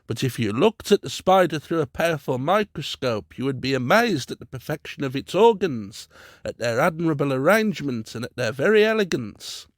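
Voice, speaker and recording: A man voicing an excitable, learned male tutor who scolds in a raised voice. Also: fairly high pitch, a little fast, no echo, studio quality. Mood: dismissive.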